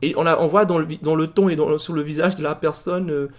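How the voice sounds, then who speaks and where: A man hosting his own channel, telling a story in a casual monologue, animated and repeating himself with frequent restarts. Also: a little high, fast talker. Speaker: channel host.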